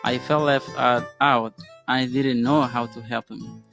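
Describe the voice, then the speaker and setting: A man from El Salvador narrates his story as a father in an earnest, measured way. Clear plucked guitar plays behind his voice in this played-back video. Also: mid-range voice, steady tone. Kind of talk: scripted personal narration. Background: guitar music.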